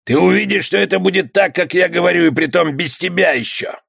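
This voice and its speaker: A man voicing a gruff, threatening one-eyed male pirate in a read-aloud story. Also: sits high, a little fast, a bit bright, no echo, studio quality, pitched above the performer's own voice, exaggerated voice. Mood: menacing. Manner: threatening, sneering.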